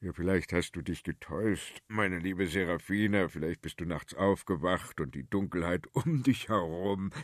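A man's voice: low voice, normal speed, hardly any pauses, no room sound, clean studio sound, voice pushed down, lightly acted. A man voicing a mild, ponderous old king in a children's radio story. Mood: soothing. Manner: hesitant, soothing.

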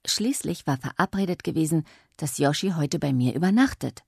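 A woman narrating a children's audiobook in the first person, calm and clear, close to the mic. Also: sits low, normal speed, no echo.

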